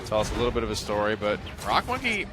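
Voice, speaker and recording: A man's voice: lowish voice, big pitch swings, very noisy. A man casting an esports match, breaking down stats and loadouts in a chatty, analytical way. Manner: analytical, chatty, quick bursts of speech. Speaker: esports caster. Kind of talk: esports play-by-play commentary.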